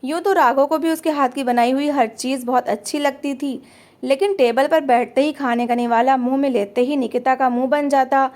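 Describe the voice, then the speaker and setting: High-voiced woman narrating a family story. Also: fairly even intonation, moderate pace, darkish tone.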